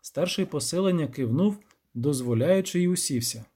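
A man reading an audiobook in calm, even scripted narration. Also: a little high, moderate pace, breathy edge.

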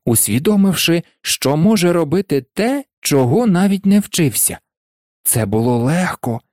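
A man narrating a storybook aloud in an expressive, dramatic reading. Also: medium pitch, no echo. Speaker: audiobook narrator. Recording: dry close recording.

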